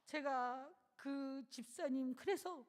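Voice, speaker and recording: A woman's voice: high-pitched, takes it slowly. A middle-aged woman pastor giving a sermon in a church, telling a personal story with emotion and acting out what others said. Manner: animated, emotional storytelling, acts out quoted voices. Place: church sanctuary.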